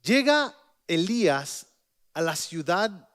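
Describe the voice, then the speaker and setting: A male pastor preaching a sermon, retelling a story in a lively way with joking asides. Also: high voice, takes it slowly.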